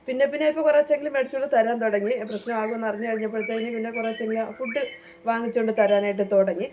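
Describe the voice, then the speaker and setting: A woman's voice: fairly high pitch, steady tone, rapid-fire, noisy background. A woman telling a personal story in a casual vlog, earnest and rambling, often restarting and repeating phrases. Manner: earnest, emotional retelling. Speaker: vlogger recounting her past work abroad.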